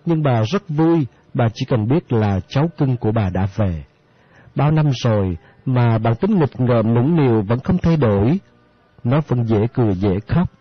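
A man's voice: medium pitch, lively intonation, unhurried, husky, no echo. Man narrating an audiobook, dry sound. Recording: dry, slightly muffled audiobook.

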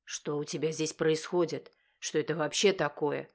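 A woman reading an audiobook, voicing a cold, furious middle-aged father with gruff, threatening speech. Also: deep voice, steady tone, moderate pace, pitched below the performer's own voice. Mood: angry. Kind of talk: audiobook character voice.

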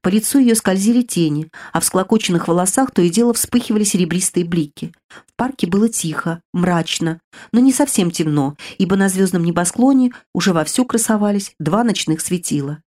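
A woman narrating a first-person fantasy novel in a measured, expressive reading. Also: lowish voice. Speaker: audiobook narrator.

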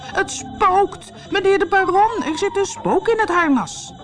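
A woman voicing a shrill, panicky cook in a storybook reading, shrieking and scolding. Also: expressive, unhurried, soft background music. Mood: panicked.

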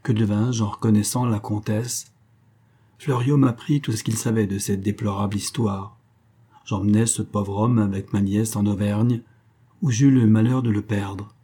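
Give me a man playing a grieving old doctor, deep and mellow. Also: fairly even intonation, moderate pace, husky. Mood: sorrowful.

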